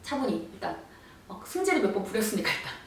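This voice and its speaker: A young woman vlogger telling a story in an animated, exasperated way, acting out quoted lines. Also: medium pitch, quick pace, slight background noise. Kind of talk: storytelling vlog. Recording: echoey room, voice from far off.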